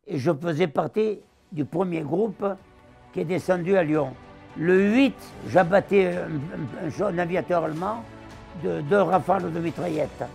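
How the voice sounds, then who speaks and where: Speaking a little slowly in a high voice, an elderly southern French veteran in his nineties shares wartime recollections as an interviewee, soft music playing underneath. His accented voice is gravelly, and he animatedly acts out the speech of others.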